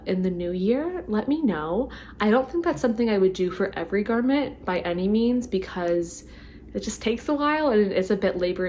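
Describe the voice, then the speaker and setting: Chatty woman knitting vlogger, low voice. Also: slight background noise. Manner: chatty, lots of ums and likes. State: losing her voice. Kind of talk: casual chat to camera.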